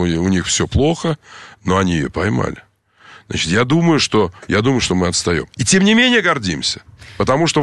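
A man's voice: on the low side, fairly bright tone, no room sound, studio quality. A man giving unscripted conversational commentary, emphatic and often repeating his words and phrases.

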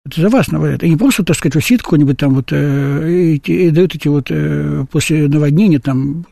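A man's voice: on the high side, brisk, creaky, warm tone, no room sound, studio quality. A man answering an interview host's questions in an emphatic way, often asking whether the listener understands. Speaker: guest.

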